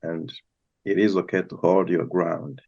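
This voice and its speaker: A man hosting an interview, asking measured questions and affirming the guest. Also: low voice, level tone, creaky, darkish tone. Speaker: interview host. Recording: dull, muffled recording.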